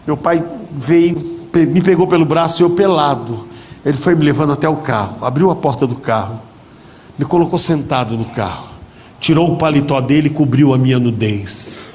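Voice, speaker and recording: A man's voice: a little high, moderate pace, a little mellow, slight background noise. A man preaching a dramatic testimony at a church convention, acting out the voices in his story. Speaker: pastor. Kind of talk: sermon testimony.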